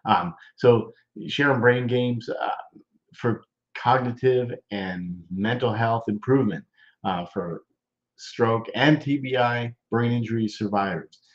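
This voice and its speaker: A male host with a congested voice talks through a live show in a halting, stop-start way, pausing often before he goes on. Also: mid-range voice, steady tone. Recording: dull lo-fi sound.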